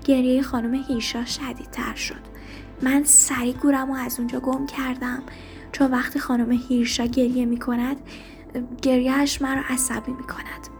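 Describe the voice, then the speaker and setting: A woman reading a story aloud in a soft, hushed narration. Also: high-pitched, flat delivery, soft background music. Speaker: story reader.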